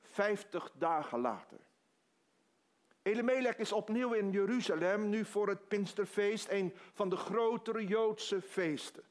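High-voiced male preacher. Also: expressive, unhurried. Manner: dramatic retelling with quoted dialogue. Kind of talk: sermon storytelling.

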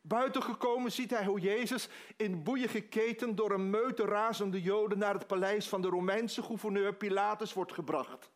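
A man's voice: high voice, fairly even intonation, normal speed. A man preaching a sermon, retelling a story dramatically with quoted dialogue.

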